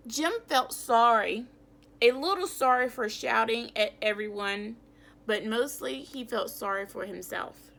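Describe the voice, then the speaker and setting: A woman's voice: on the high side, vocal fry, fairly bright tone. A woman teacher, reading a picture book aloud to children and stopping to quiz them. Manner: reads slowly, stops to quiz children. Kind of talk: read-aloud lesson for children. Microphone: phone camera.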